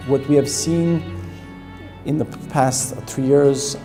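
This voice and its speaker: A man's voice: mid-range voice, steady tone, slow. A man speaking as a diplomat in an unscripted interview, in short, choppy phrases. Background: faint background music.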